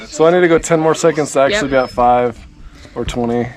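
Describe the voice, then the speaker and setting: A man's voice: mid-range voice, quick pace, music in the background. A man chatting casually while in an ice bath, his voice strained and gasping from the cold. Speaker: person taking an ice bath. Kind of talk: casual chat. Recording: noisy crowd of onlookers around him. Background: several people talking.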